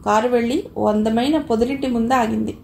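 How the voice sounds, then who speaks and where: A woman reads a first-person story aloud in a measured, expressive voice, somewhat high and with a gravelly edge. The recording sounds roomy, with a faint hiss underneath. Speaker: audio novel reader.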